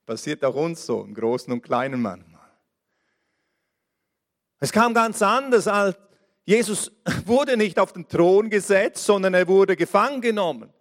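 Brief: male preacher, high voice, sermon, dramatic loud-soft storytelling, long reverb. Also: expressive, a little slow, pauses often. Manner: storytelling, swinging between loud stresses and near-whispers.

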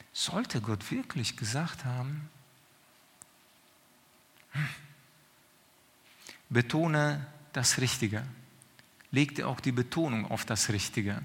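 A man's voice: mid-range voice, pushed and bright. A man preaching a sermon in a conversational, questioning way, often checking in with his listeners. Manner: questioning, conversational, drawn-out pauses. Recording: long reverb of a hall.

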